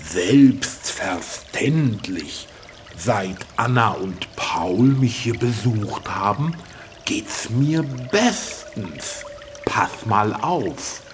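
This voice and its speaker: Wise old talking tree, very slow, lively pitch, kindly, children's radio play. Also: male voice, background noise. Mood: kindly, teaching. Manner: slow, leisurely and chuckling.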